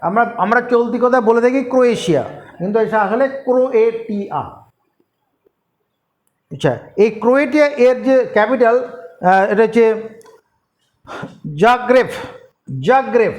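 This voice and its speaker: A male teacher giving a classroom geography lesson, speaking slowly and repetitively, spelling place names letter by letter and drilling the class. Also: extremely high pitch.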